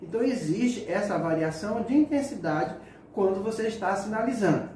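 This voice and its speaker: A man teaching a sign language lesson, speaking haltingly and repeating words as he demonstrates signs. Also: high-pitched, animated, warm tone. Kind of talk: spoken lesson explaining signs. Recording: echoey distant mic with faint room noise.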